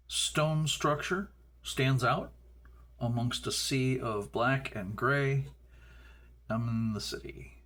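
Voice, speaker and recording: A man's voice: medium pitch, a bit bright. A middle-aged man from Chicago hosting a casual building video, rambling and stumbling over words with folksy asides. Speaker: host.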